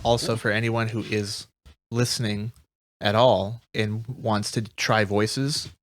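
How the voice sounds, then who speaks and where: A man's voice: lowish voice, flat delivery, takes it slowly, no room sound. Chill guy on a gaming podcast, dry close sound, talks about doing voices. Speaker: tabletop game player. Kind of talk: casual podcast chat.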